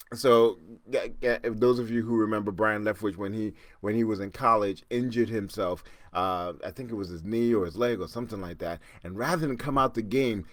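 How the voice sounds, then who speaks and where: A man in his fifties hosting a casual solo podcast, rambling and chatty, with asides and quick laughs. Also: fairly low pitch, dry recording. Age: 50s. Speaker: podcast host.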